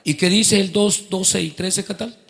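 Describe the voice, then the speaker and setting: A man delivers a sermon in a high voice with a gravelly, creaky edge. He quizzes his listeners on scripture and builds to fervent, loud passages. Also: steady tone, measured pace. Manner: quizzes the congregation, rising to fervent outbursts. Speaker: preacher.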